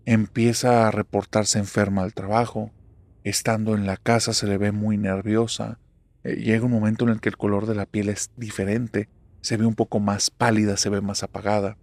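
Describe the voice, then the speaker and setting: Gravelly Mexican horror storyteller. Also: male voice, on the low side, a little mellow, no echo. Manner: dramatic, conversational telling. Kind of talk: podcast storytelling.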